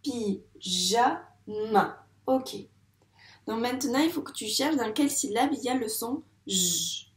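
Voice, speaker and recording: This first-grade teacher's voice is fairly high and animated, yet she stays patient and slow while giving a young child a phonics lesson. She stretches out each syllable of every word, and the recording carries a roomy echo.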